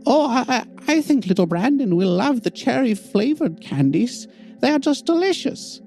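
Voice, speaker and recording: Man doing a high-pitched genteel grandmother. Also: very animated, moderate pace, gravelly, a little mellow, full character voice. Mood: fond. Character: middle-aged churchgoing grandmother, gossipy and polite.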